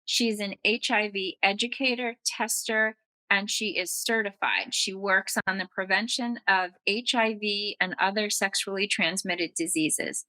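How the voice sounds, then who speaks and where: Casting: woman interview host, polished scripted delivery, sharp bright tone. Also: medium pitch, steady tone, a little slow, dry recording, poor audio. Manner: polished, encouraging. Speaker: podcast host. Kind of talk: scripted intro and interview questions.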